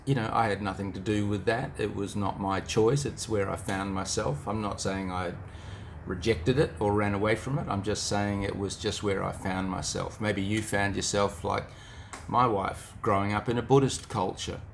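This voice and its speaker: In a fairly low voice with vocal fry and fairly even intonation, a middle-aged New Zealander speaks at normal speed. His talk is an informal, reflective piece of motivation aimed straight at the listener. Slight background noise can be heard.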